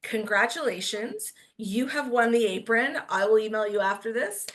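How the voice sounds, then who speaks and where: A woman's voice: on the high side, lively intonation, normal speed, a bit bright. An upbeat woman moderates a live online session. She passes along viewer questions to the guest. She also announces prize winners. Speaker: webinar moderator. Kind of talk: live webinar hosting.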